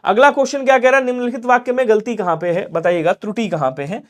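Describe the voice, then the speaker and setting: High-voiced man teaching a live class. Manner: coaxing, repetitive, quizzes viewers and urges quick answers. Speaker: Hindi grammar teacher. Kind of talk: live online exam-prep class.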